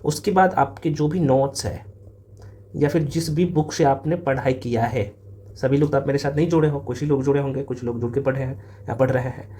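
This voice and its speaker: A man talks students through exam revision in a loose, chatty way, with plenty of fillers and friendly asides. His voice is dark and mellow at an ordinary pitch. Faint background noise sits under the recording. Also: fairly quick. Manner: chatty, addresses students as brother, frequent fillers. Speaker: exam coaching teacher. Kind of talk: casual exam revision lecture.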